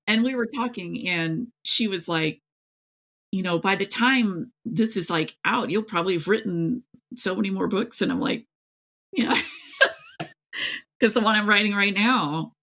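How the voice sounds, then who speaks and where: In a medium-pitched voice that sounds pushed and bright, she takes her time as she speaks. The middle-aged East Tennessee author, an interview guest from the US, keeps things casual and chatty, emphatic and rambling as she recounts things.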